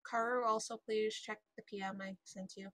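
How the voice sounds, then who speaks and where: A woman's voice: mid-range voice, steady tone, moderate pace, a bit bright. A woman player casually describing her character's actions in a tabletop role-playing game.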